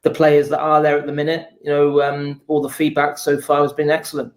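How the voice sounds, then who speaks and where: Even-toned man giving informed football analysis. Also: on the high side. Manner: measured, explanatory, often says "you know". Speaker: football journalist. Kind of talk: casual interview answers, informed analysis.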